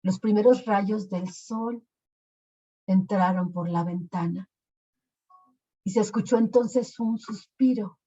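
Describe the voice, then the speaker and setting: Slow, expressive woman storyteller. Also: medium pitch. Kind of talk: storytelling narration. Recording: lo-fi recording.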